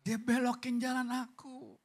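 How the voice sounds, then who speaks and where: A man's voice: very high-pitched, level tone, measured pace, husky. A man preaching a sermon as pastor, casual and joking, often throwing rhetorical questions at the congregation.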